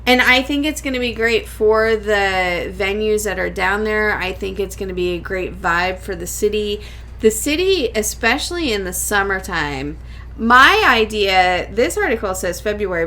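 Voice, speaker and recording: A woman's voice: medium pitch, lively intonation, moderate pace, creaky, bright, forceful tone. Chatty podcast host woman. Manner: chatty, laughs often. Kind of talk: casual podcast chat.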